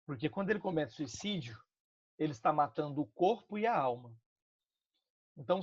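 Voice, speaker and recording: A Brazilian man teaches a literature class with lively energy, tossing slang and quick questions at his students. His voice sits a bit high for a man. The recording is dry and slightly muffled. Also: slightly rough, dry recording. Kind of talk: recorded online lesson.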